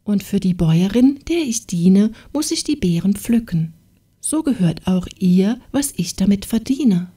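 A woman voicing a humble, gentle young peasant maid in a fairy tale audiobook, speaking timidly and pleadingly. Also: medium pitch, lively intonation, a little slow, slightly rough. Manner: timid, pleading, soft-spoken.

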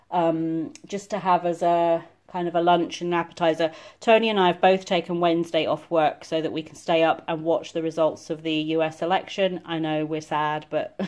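A woman's voice: fairly low pitch, a little mellow. A middle-aged woman from the States chatting casually through her grocery haul in a home kitchen, rambling with lots of ums. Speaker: vlogger doing a grocery haul. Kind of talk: casual chat over products.

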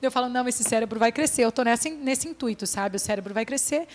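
A woman, a guest on a talk show, chatting in an animated, laughing way about her kids. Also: fairly high pitch, quick pace. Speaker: guest mother. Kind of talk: casual chat.

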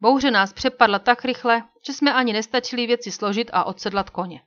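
A woman voicing a gruff older male trapper who answers briskly and matter-of-factly. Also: fairly high pitch, a bit bright, highs cut off, close to an everyday voice.

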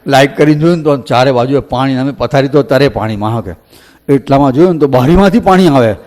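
A man telling a devotional story in a folksy, animated way, acting out the villagers' voices. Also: medium pitch, fast talker. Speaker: katha storyteller. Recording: echoey hall reverb.

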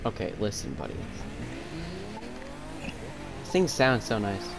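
A man's voice: on the low side, big pitch swings, slow pace, background noise. A man joking and teasing his friends during an online game. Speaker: gamer friend. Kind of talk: casual gaming chat.

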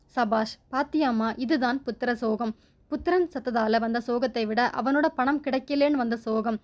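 A woman voicing a defiant, bitter young widow who speaks in sharp, cutting retorts. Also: on the high side, normal speed, close to an everyday voice.

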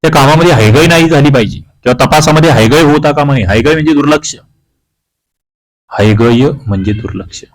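A man's voice: on the high side, a little fast, rough recording. A man teaching exam prep from Maharashtra, reading each question and its options aloud and then explaining the answer. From Maharashtra, India. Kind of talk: quiz walkthrough lesson.

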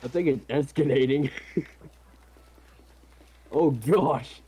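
A young man making wry, deadpan remarks while gaming with friends. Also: medium pitch, takes it slowly. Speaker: friend on stream. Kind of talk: casual gameplay chat.

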